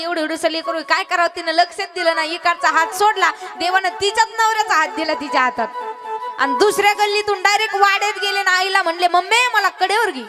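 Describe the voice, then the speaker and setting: A woman telling a lively, playful devotional story sermon. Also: very high voice. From Maharashtra. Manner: lively, playful, laughing at her own jokes. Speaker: kirtankar, storyteller. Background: music.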